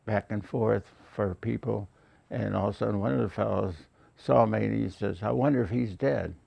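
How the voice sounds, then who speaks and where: Old american guy, veteran remembering stuff, super gravelly, kinda halting and plain, no room sound. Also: fairly low pitch, a little mellow, no room sound. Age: elderly, late 80s or older. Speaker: war veteran interviewee. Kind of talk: unscripted personal recollection.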